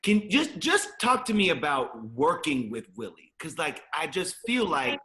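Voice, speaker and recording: A man hosting an entertainment interview, asking questions eagerly and reacting quickly. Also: on the high side, very animated, pushed and bright. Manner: enthusiastic, fast, quick to react. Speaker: entertainment show host. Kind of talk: casual interview.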